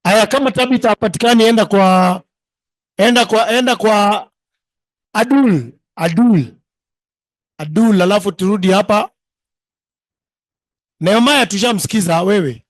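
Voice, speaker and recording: High-voiced Kenyan man emceeing over loudspeakers. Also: moderate pace, pauses often, dry recording. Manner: playful, repeats phrases. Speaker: master of ceremonies. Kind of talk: informal event hosting, switching between English and Swahili. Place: live reunion gathering with a microphone.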